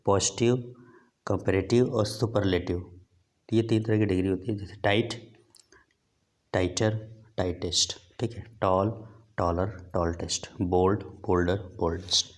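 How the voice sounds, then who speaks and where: A man with an Indian accent teaching a grammar lesson with a sore throat. He reads English example sentences slowly, then explains them in Hindi with frequent fillers. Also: sits low, fairly even intonation.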